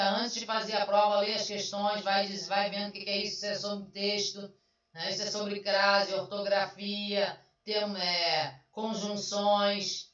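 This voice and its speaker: A Portuguese language teacher with a bright, keen, mid-range voice goes through exam answers step by step in an online review lesson, chatty and full of questions. The recording sounds dull and distant, as if she's far from the mic in a very echoey room.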